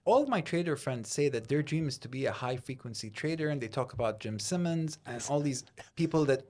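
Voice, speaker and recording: A man's voice: mid-range voice, lively intonation, a little fast, a little mellow. A man hosts a business podcast with a mid-range voice. He keeps his questions short and to the point. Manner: brief, probing questions. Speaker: podcast host. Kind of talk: interview questions.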